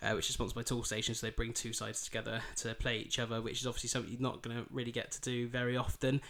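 A man's voice: medium pitch, completely flat delivery, rapid-fire, a bit bright. Man with a thick Yorkshire accent. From Bridlington, East Yorkshire, England. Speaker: football podcast host. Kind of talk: podcast fixture preview, part scripted, part casual chat.

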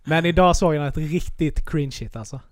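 A man's voice: on the high side, dry recording, studio quality. A man telling stories and joking in casual podcast chat, loose and sweary.

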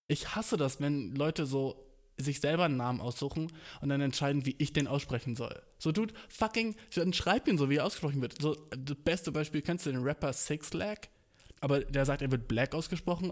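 A young man chatting casually as a podcast host, slangy and profane, mixing English words into German and ranting with mocking energy. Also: on the high side. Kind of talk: casual chat.

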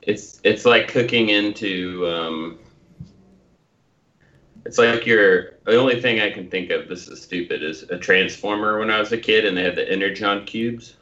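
A middle-aged American man with a low, crisp-edged, forceful voice in a casual podcast discussion. He thinks aloud haltingly and self-deprecatingly, on slightly dull-sounding audio. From Tulsa, Oklahoma, United States. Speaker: podcast co-host.

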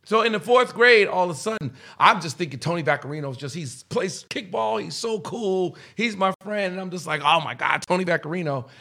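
A man in his fifties from the United States, telling stories in an animated podcast chat and tagging lines with "okay?". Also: high voice, a little fast, vocal fry, hardly any pauses. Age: 50s. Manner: emphatic, repeats "okay?" often, acts out quotes. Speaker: guest.

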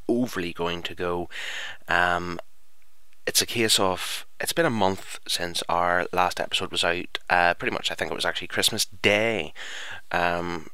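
Man, podcast host, casual talk, very clear smooth voice, dry close headset mic sound. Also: low-pitched, bright, forceful tone, dry recording. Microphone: headset microphone.

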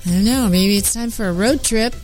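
A woman's voice: medium pitch, a little fast, over loud music. A woman co-hosting a radio show, reading weather casually and adding chatty little asides. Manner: chatty, adds small asides.

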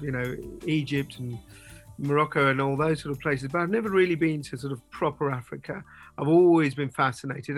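A man's voice: on the high side, fairly bright tone. A man hosting an interview podcast, talking in a loose, rambling way with many fillers. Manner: rambling, full of "sort of" and "you know". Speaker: podcast host.

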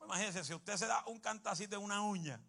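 A man preaching a sermon, animated and humorous, bursting into shouts. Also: high-pitched, quick pace, gravelly.

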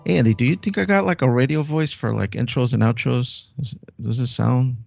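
A man's voice: medium pitch, normal speed, gravelly, no echo, studio quality, faint music behind. Casual American man co-hosting a podcast. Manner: relaxed, rambling, full of fillers. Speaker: podcast co-host.

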